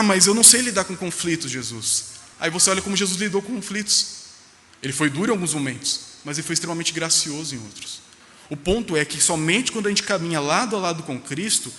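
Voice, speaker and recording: A man preaching, his voice slightly high and bright as he presses through the sermon at a rapid clip. He asks rhetorical questions and drives each point home with emphasis. His words ring out with a long reverb in a church hall. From Brazil. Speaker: pastor. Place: church sanctuary.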